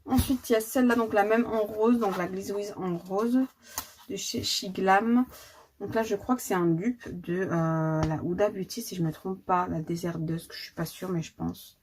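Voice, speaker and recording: A chatty woman vlogging about her makeup, hesitating with fillers and repeating words as she goes. Her voice sits at a middle pitch, and steady background noise runs under the recording. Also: normal speed. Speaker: beauty vlogger. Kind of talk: casual vlog showing her makeup collection.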